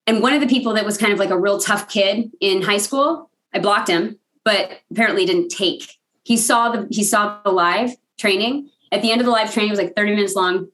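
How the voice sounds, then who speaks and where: A woman speaker and coach, a guest on an interview show, telling her story with lively, candid energy and easy laughter. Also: mid-range voice, fairly quick, poor audio. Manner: lively, laughs easily, acts out quoted voices.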